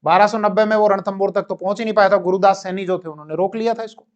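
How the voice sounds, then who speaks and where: Male history teacher with a high voice, explaining with asides and corrections. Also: steady tone, racing, dull audio. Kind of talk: classroom history lecture.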